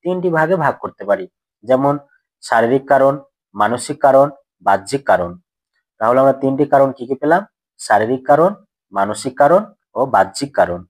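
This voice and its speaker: A man's voice: mid-range voice, lively intonation, normal speed, pauses often, no echo, poor audio. A man teaching a grammar lesson to school students, who poses questions and answers them himself and repeats the key points.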